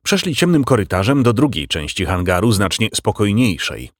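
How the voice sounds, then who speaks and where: Male audiobook narrator, low voice, lively intonation, dry close sound, expressive storytelling. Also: moderate pace, no room sound. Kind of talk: scripted narration.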